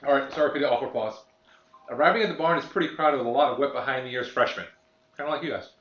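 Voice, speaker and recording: A man narrating as game master of a tabletop role-playing game, in a relaxed way. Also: mid-range voice, very fast, slight background noise. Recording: roomy muffled home recording.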